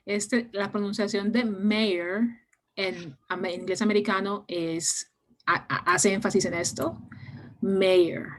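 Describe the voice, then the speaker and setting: A woman's voice: mid-range voice, fairly even intonation, measured pace. A woman teaching English pronunciation online, explaining patiently in Spanish with English words mixed in. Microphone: laptop mic on a video call.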